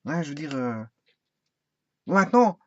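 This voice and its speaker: A man's voice: a little high, very animated, unhurried. A man explaining a laptop keyboard in a casual spoken tutorial, rambling and hesitant with many fillers and restarts. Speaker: tutorial presenter. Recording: dull lo-fi sound with faint hiss.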